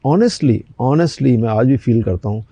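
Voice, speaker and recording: An older man from Pakistan, a guest on a talk show, tells a personal anecdote in a mid-range voice, animatedly acting out the people in it with quoted voices. The recording is dry.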